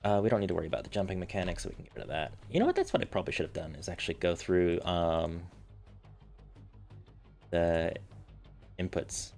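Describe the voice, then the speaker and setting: A man on a casual livestream, thinking aloud as he tweaks his game's settings. His voice sits very low with a rough, gravelly fry. Soft music plays faintly behind him. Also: very animated, fairly quick, pauses often. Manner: muttering settings while tinkering. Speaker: streamer developing a game.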